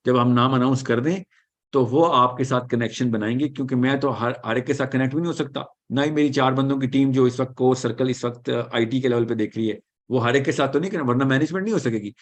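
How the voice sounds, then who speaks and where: A man answering audience questions in an animated lecture, emphatic and reassuring, often switching into English mid-sentence. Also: medium pitch, quick pace.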